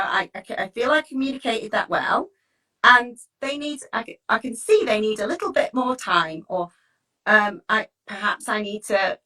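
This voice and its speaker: A woman coaching teachers on wellbeing gives a relaxed, encouraging talk in a fairly high, bright voice. She chats freely and keeps seeking agreement with little tag questions. She is recorded by a distant microphone.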